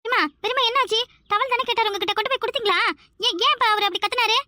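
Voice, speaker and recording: A woman voicing a sharp-tongued, teasing young village wife in a cartoon comedy, with a Tirunelveli Tamil accent and rapid, needling questions. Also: very high-pitched. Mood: alarmed, nosy.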